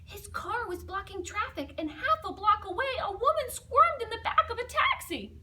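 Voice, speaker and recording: An expressive woman reads a picture book to young children with lively, swooping intonation. Her voice is high and bright, and she drops into hushed asides between dramatic phrases. She is recorded at some distance from the mic. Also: normal speed. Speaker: storybook reader.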